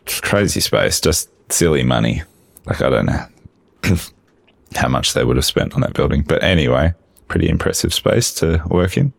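A man with an extremely deep, gravelly voice that sounds a bit sick. He chats in a loose, rambling, laid-back way, recorded close and dry with no room sound. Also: lively intonation, normal speed, no room sound. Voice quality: gravelly, says he has a sick voice. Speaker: podcast co-host. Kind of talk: casual chat.

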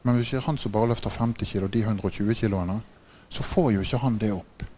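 A man preaching a sermon, telling stories with growing excitement, laughing often and checking in with listeners by asking "right?". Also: slight background noise. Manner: gets louder and higher in excited passages. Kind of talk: sermon with animated storytelling.

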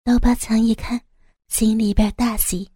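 Mellow woman narrating a dramatic audiobook. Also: a little high, unhurried, slightly rough, no room sound, clean studio sound. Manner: steady, vivid, suspenseful reading. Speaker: storyteller.

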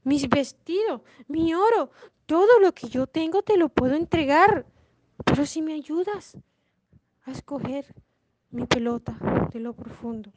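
A woman voicing a spoiled young princess from a storybook, pleading in a high wailing voice. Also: lively intonation, unhurried, darkish tone. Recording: noisy home recording.

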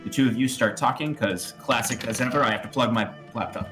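A man narrating as game master of a tabletop game, relaxed, with many fillers. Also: medium pitch, fairly quick, faint music behind.

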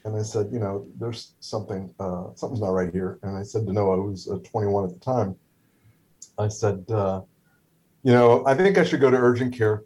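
A middle-aged guest who survived a stroke and whose first language is Hebrew tells a story casually, full of fillers, restarts and wry humor. His voice is on the low side and darkish with a breathy edge, at normal speed.

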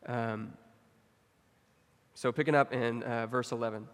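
Young male pastor, loose and conversational preaching, middle-pitched voice, hall reverb. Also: a little slow. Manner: conversational, many fillers, animated when telling stories. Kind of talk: sermon.

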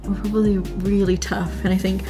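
A woman's voice: medium pitch, level tone, brisk, over music. A woman from the Philippines, chatting openly as a podcast guest and thinking aloud as she speaks. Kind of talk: casual interview chat.

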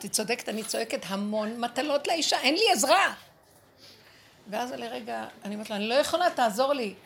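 A woman's voice: fairly high pitch, vocal fry, fairly bright tone, a little hiss or hum. A woman giving a spiritual lesson to a group, talking emphatically and acting out prayers and dialogue. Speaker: spiritual teacher.

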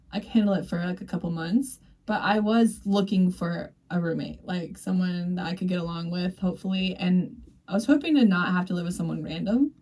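A woman's voice: fairly low pitch, a little mellow. Chatty woman podcast host, slightly distant. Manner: chatty, laughs often, acts out quoted dialogue. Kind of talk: casual chat.

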